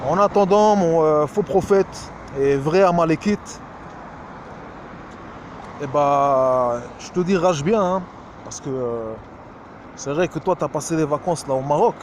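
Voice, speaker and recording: A man delivers a scornful, mocking rant aimed straight at a rival, stalling often with fillers. His voice sits a little high for a man. Faint traffic and street noise hum behind him. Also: a little slow, pauses often. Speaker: YouTuber answering a rival. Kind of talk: direct-address rant video.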